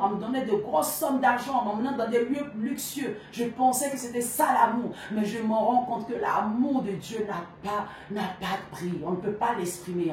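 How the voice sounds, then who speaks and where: A woman's voice: fairly high pitch, darkish tone. A woman giving an earnest, emotional personal testimony with intense, heartfelt delivery. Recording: very echoey, from far off, faint noise.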